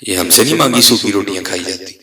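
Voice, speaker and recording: A man's voice: low voice, roomy sound, far from the mic. A man voicing a scolding impatient wife. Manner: sharp, nagging. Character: exasperated scolding wife, middle-aged woman.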